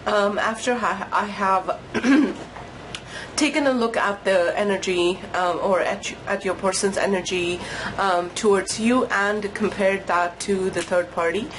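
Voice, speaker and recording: A woman's voice: medium pitch, steady tone, a little slow, a little hiss or hum, rough recording. A woman with a cold and a nasal voice, chatting casually through a tarot reading with many fillers. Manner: chatty, filler-heavy, apologetic. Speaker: tarot reader. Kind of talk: casual pick-a-pile tarot talk.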